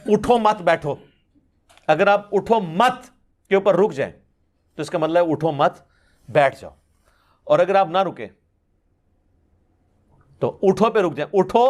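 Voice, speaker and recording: A man with a slightly higher-than-usual voice answers religious questions from a questioner. He explains in an easy, conversational manner, patiently building his points through examples. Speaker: Islamic scholar answering questions.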